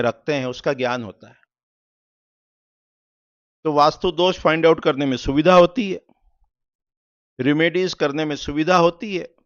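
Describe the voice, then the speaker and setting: A man's voice: fairly high pitch, clear, resonant tone. Man giving a muffled lo-fi lecture. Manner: explains step by step, asks and answers own questions. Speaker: vastu teacher. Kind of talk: explanatory lecture. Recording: muffled lo-fi recording.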